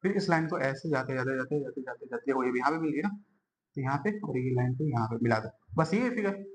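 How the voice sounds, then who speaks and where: A man's voice: medium pitch, lively intonation, a little fast. A young man teaching a board-exam math lesson at a whiteboard, chatty and friendly, calling students bhai and yaar and repeating words as he draws.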